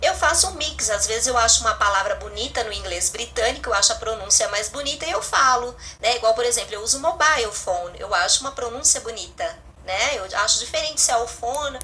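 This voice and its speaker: Bright-voiced female English teacher. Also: a little high, lively intonation, a little fast, hardly any pauses, a little hiss or hum. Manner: conversational, reads student answers aloud. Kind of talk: online class co-teaching.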